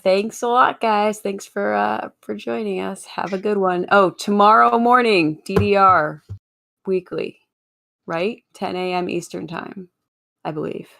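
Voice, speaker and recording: A woman's voice: medium pitch, steady tone, unhurried, vocal fry, fairly bright tone. A woman hosting a game race stream, wrapping up the show and thanking the racers in casual chat. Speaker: host.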